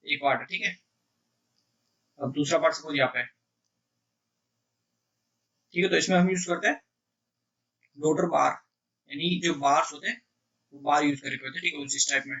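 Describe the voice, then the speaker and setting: In an exam prep lecture, a man goes through electrical engineering exam questions in Hindi mixed with English, slowly reading out the English questions and repeatedly checking "clear?" His voice is fairly high and sharp-toned. The mic is distant, and the highs are cut off.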